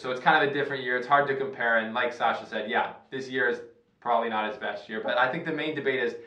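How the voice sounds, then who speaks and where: A man's voice: mid-range voice, lo-fi sound. Roomy, distant male host. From Canada. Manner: relaxed, chatty, many fillers and restarts. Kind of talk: casual sports talk show. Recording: roomy sound, distant from the mic.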